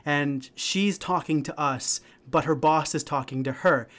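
A young podcast host steering the chat with questions and frequent giggles. Their voice is at a middle pitch. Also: unhurried, a bit bright. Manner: giggly, leads the talk with questions. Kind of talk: casual chat.

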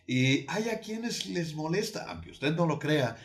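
A man preaching a sermon, teaching with emphasis and light humor, repeating key phrases and slowing down to stress them. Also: a little high, expressive.

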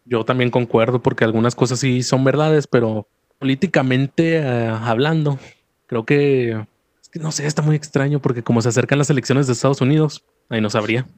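A young Mexican man speaks at an average male pitch in a casual chat. He offers opinions in a tentative, hedging way. The recording is close and dry. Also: steady tone, a little fast, darkish tone, no echo.

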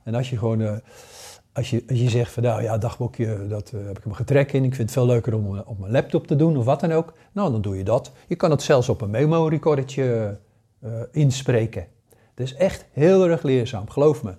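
A man in his sixties gives a casual spoken lesson. His voice is warm and mellow, and his talk is full of fillers, restarts and hesitations. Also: mid-range voice, brisk, breathy edge. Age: 60s. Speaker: paranormal course teacher.

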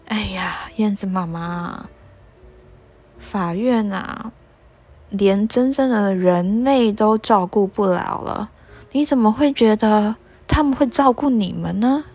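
A woman voicing a world-weary pigeon in a children's story, soft and sighing. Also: medium pitch, slow, breathy edge. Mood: resigned.

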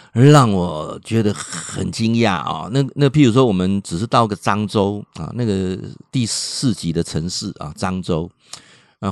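A man's voice: fairly low pitch, dry recording, clean studio sound. An older man from Taiwan with a Taiwanese Mandarin accent and Hokkien words, telling a story as a radio host and professor, with repeated words and mimicked voices. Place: radio studio.

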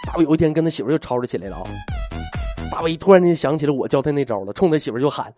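A male radio host tells a funny story in a chatty, teasing way. His voice sits a little high and swings widely in pitch. Faint electronic music plays underneath. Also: lively intonation, very fast, mellow. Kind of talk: comic storytelling monologue.

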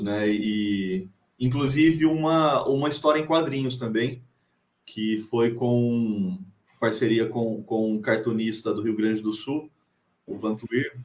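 A Brazilian man, a writer and teacher, answering interview questions casually with many pauses and restarts. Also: mid-range voice, reverberant. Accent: Brazilian Portuguese. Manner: hesitant, many fillers and restarts.

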